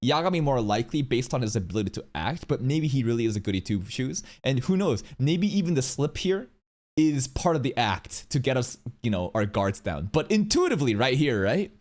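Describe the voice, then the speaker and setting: Young male reaction host: casual, slangy, sweary commentary with very animated intonation. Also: mid-range voice, fairly quick.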